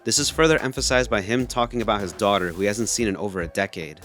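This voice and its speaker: 低めの声で台本を読む男性ナレーター. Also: male voice, lowish voice, fast talker, a bit bright. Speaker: video essayist. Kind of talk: scripted narration.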